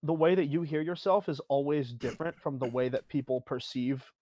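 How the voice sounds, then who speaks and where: A man's voice: on the high side, fairly quick, mellow, no echo. A man giving casual advice on a livestream, phrasing hesitantly in short bursts full of filler words. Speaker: livestream guest with a music performance background.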